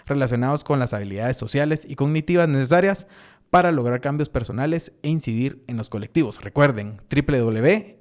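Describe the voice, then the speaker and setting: A man reading a sponsor message at a steady pace. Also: medium pitch, fairly quick. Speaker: sponsor announcer.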